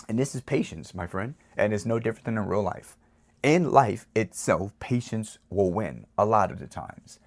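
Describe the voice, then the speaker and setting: A man's voice: lowish voice, darkish tone. A man hosting his own channel, giving a rambling, casual motivational talk and often checking in with the listener. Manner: rambling, repeatedly asks "right?". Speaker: channel host.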